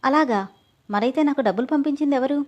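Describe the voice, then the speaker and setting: A woman's voice: a little high, fast, a little mellow, close to an everyday voice. A woman voicing an emotional young pregnant wife in a read-aloud story. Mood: earnest. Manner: pleading, tearful.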